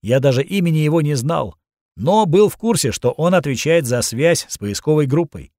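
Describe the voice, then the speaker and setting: A man reads a first-person story aloud with tense, dramatic delivery. His voice is a little higher than most men's. The sound is close and dry, with no room echo. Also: animated, normal speed, darkish tone. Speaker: audiobook narrator. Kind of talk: first-person scripted narration.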